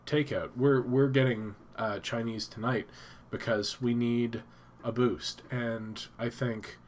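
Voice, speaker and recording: A man's voice: medium pitch, steady tone, slow pace, a little hiss or hum. A man hosting a casual live stream from his home office, stuffed up and thinking aloud with many fillers and restarts.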